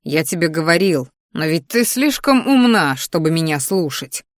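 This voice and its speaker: A woman's voice: sits low, big pitch swings, normal speed, no echo, clean studio sound. A woman voicing an angry young male mage scolding his sister in a growling, exasperated way.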